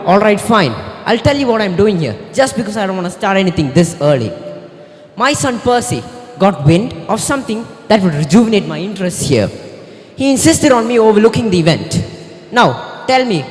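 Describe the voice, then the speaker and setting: A man's voice: high voice, big pitch swings, brisk. A man playing a smug sea god who taunts his rival, in a sarcastic, theatrical stage manner. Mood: annoyed. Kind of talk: amateur stage skit. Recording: echoey hall.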